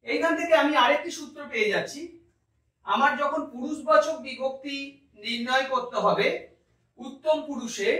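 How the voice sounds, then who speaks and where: A man with a very high voice teaches a grammar lesson step by step, slowly drawing out words to show how they sound. He stands well away from the microphone in a strongly echoing room. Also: a bit bright. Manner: methodical, drawing out words slowly to model pronunciation. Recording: very echoey room, mic far off.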